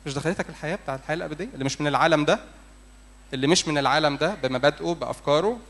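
Fast, urgent Egyptian priest preaching. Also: male voice, fairly high pitch, a bit bright. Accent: Egyptian Arabic. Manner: urgent, pleading, asks the congregation rhetorical questions. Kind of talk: sermon. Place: church.

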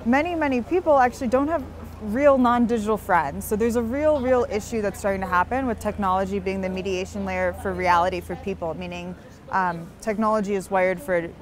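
A woman's voice: mid-range voice, fairly quick. A young woman being interviewed outdoors on a busy street, talking earnestly and at length, with frequent restarts. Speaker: interview guest.

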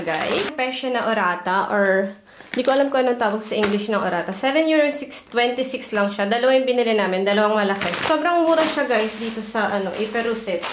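A woman with a voice on the high side narrates a haul vlog, chatting casually as she lists items one by one. She is from the Philippines and has a Filipino accent, and background noise and loud music fill the recording.

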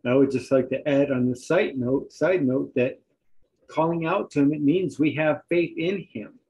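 A man preaching a sermon, reading scripture aloud and pausing in turns for an interpreter. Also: on the high side, darkish tone, rough recording.

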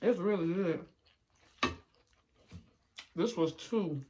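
A woman's voice: on the low side, drawn-out words, noisy background. A woman in her thirties chatting casually to viewers while chewing a mouthful of food, laid-back and easygoing. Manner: laid-back, talks straight to viewers with little laughs. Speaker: mukbang vlogger. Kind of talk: casual chat while eating.

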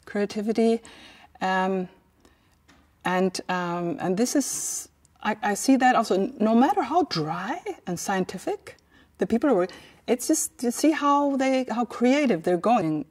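A woman's voice: mid-range voice, animated, unhurried, a little mellow. A middle-aged woman, an artist giving a reflective documentary interview and searching for her words. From Iceland. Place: large indoor hall.

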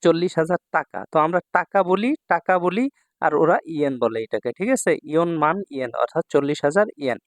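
A man's voice: a little high, lively intonation, quick pace, no echo. A man from Bangladesh teaching Japanese kanji in a lesson, repeating words and checking in with his students often. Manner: repeats words and asks "ঠিক আছে?" often.

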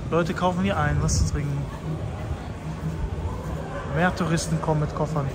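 A man's voice: on the high side, fairly even intonation, moderate pace. A man in his thirties from Tajikistan, chatting casually to viewers as he walks through a city square and station at night, with the camera held at arm's length. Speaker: vlogger. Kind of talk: street walking vlog commentary. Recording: loud city street noise.

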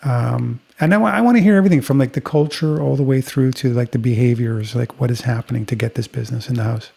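A man's voice: mid-range voice, fast, creaky, mellow, husky. A middle-aged man hosting a casual podcast interview from a home studio, asking long, eager, rambling questions. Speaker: podcast host. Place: home studio room with shelves. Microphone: studio mic on boom arm.

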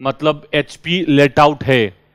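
A male teacher runs a lively lecture, firing questions at his class. His voice sits a little high and comes across clean and resonant. The recording is dry and close. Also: slow pace, smooth, no room sound. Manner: lively, drills students with repeated questions.

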